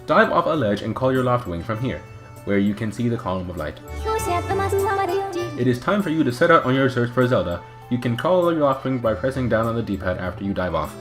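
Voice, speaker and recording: A man voicing a calm, formal female sword spirit companion in a flat robotic monotone while playing a game. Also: medium pitch, brisk, music in the background, lightly acted. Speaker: let's play gamer. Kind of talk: reading game dialogue aloud in a put-on voice.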